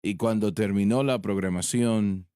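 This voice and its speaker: A man, a preacher on a ministry panel, telling a story in a slow, deliberate way, with pauses and restarts. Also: on the low side, warm tone, smooth, dry recording, clean studio sound. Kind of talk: sermon-style storytelling in a panel discussion.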